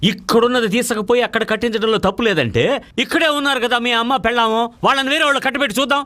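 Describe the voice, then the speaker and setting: A man's voice: mid-range voice, very animated, fast, fairly bright tone, breathy edge, exaggerated voice. An actor playing a defiant rustic village man who lectures and scolds with passion, in dubbed film dialogue. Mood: scornful. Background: film score.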